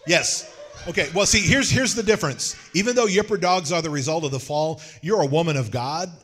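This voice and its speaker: A man preaching a sermon in a folksy, joking way, telling animated stories. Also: a little high, brisk, in a large hall. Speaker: pastor.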